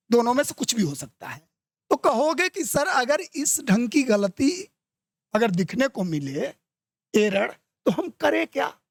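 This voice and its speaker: A man with an Indian accent teaching an exam-prep grammar lesson. He says example sentences slowly and keeps checking whether the students have understood. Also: extremely high pitch, vocal fry, no room sound.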